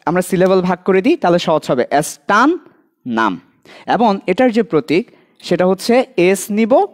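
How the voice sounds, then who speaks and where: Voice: medium pitch, darkish tone. A teacher with a Bangladeshi accent giving an online admission-prep chemistry lesson. The teacher repeats key points, quizzes students directly and adds light jokes. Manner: light joking asides.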